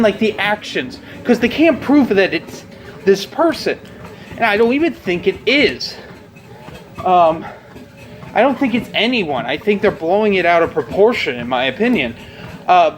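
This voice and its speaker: A man talking in a casual rant vlog, venting with frustration and frequent swearing. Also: sits high. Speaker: vlogger.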